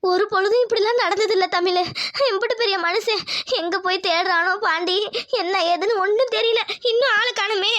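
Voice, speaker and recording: A woman's voice: very high-pitched, normal speed, fairly bright tone. A woman voicing a caring, protective middle-aged village mother-in-law in a Tamil cartoon family drama, scolding and dramatic. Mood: grieving.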